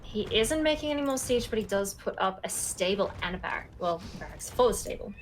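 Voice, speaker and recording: A woman's voice: mid-range voice, animated, a little fast, a little hiss or hum. A woman co-casts a strategy match on a live stream, calling the action in an upbeat, playful way. She laughs often and keeps the energy friendly as she reads the game. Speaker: esports co-caster.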